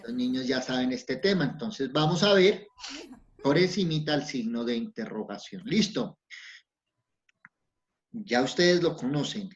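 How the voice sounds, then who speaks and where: A man's voice: medium pitch, animated, a little slow, long pauses. A man teaching an online class to young children, patient and encouraging, asking lots of questions. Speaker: primary school teacher. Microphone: video call. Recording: dull lo-fi sound, faint noise.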